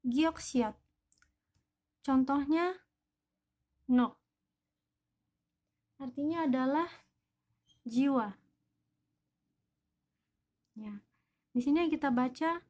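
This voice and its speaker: A woman's voice: high-pitched, a little mellow. A woman teaching a language lesson, patiently explaining each example word one by one.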